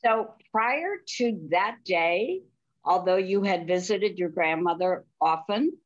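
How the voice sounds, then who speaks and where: An older woman moderating a panel discussion over a video call from her living room, speaking in a measured, deliberate way. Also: on the low side, animated, dull audio.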